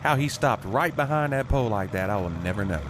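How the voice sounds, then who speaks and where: A man's voice: mid-range voice, expressive, fairly quick, very noisy. A man narrating an event video in a scripted commentary style.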